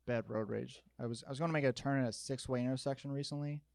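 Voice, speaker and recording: Animated stand-up comedian, man. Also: mid-range voice, fast, vocal fry, dry recording, clean studio sound. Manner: animated storytelling, jumping to loud shouted bits. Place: comedy stage with audience.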